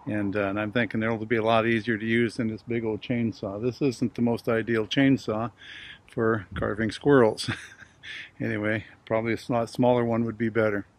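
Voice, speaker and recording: A man in his sixties speaks with a fairly low, steady pitch that barely moves, at a moderate pace. Filming himself as an amateur in a suburban front yard, he talks plainly and casually to camera in a self-deprecating way. The camera mic sits at varying distance, with clear outdoor ambient noise.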